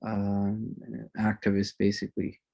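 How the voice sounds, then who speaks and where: A man instructor chatting warmly and rambling a little as he greets students on a video call, sprinkling in religious phrases. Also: lowish voice, completely flat delivery, unhurried, gravelly, lo-fi sound. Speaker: course instructor. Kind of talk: casual chat greeting an online class.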